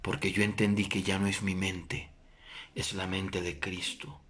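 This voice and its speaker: Husky low-voiced male pastor preaching. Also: level tone, measured pace. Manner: emphatic, swings between loud and hushed. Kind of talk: sermon testimony.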